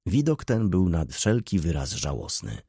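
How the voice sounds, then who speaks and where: A man narrating a classic novel as an audiobook in a measured, expressive reading. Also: sits low, slightly rough, no echo, studio quality.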